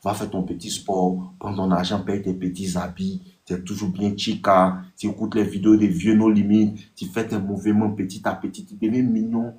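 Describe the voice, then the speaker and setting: Animated Ivorian man giving dating advice. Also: moderate pace, hardly any pauses. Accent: Ivorian French. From Ivory Coast. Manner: animated, acts out text exchanges in a higher voice; repetitive, addresses listeners directly. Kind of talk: casual live advice talk.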